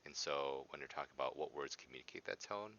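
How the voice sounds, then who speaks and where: A man's voice: extremely low pitch, fast, creaky, pushed and bright, a little hiss or hum. A man teaching in an informal walkthrough style, explaining hesitantly and often checking in with a tag question. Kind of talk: informal lesson walkthrough of a reading passage. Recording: dull, lo-fi sound.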